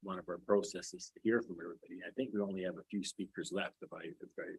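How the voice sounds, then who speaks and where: A city councillor speaking at a council meeting in a halting way, tired and restarting often. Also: male voice, low voice, steady tone, husky, rough recording. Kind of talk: council debate. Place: council chamber.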